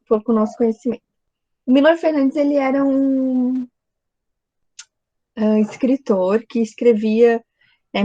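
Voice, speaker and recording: A woman's voice: a little high, darkish tone, highs cut off. A woman teaching a recorded video lesson, explaining step by step and often checking in with the class.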